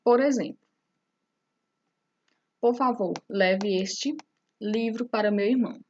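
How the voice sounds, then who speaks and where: A woman teacher with a slightly husky voice walks through a lesson at an unhurried pace, checking in again and again to ask whether her students follow. The recording sounds dull and lo-fi. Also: mid-range voice, mellow. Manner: explains slowly, often checking in with "certo?".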